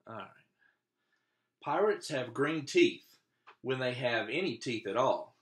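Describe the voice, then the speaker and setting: An elementary teacher with a mid-range, slightly bright voice reads a children's picture book aloud. He pauses along the way for casual asides about the pictures.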